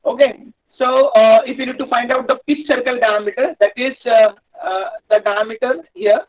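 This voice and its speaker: A man's voice: very high voice, fairly even intonation, moderate pace. A man with a North Indian accent giving a live online engineering lecture in a hesitant, repetitive, explanatory manner. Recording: dull lo-fi online-class audio.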